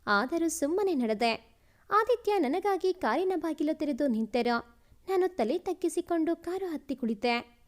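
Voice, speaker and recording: A woman with a high, light voice narrates a heartfelt family story in the first person. Her reading is gentle and measured, and she softens into quieter voices for the dialogue. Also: animated.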